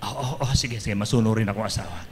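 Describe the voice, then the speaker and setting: A man preaching as a pastor, lively and joking, often calling out to the congregation for an "Amen.". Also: on the low side, in a large hall, a little hiss or hum. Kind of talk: sermon. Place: church hall.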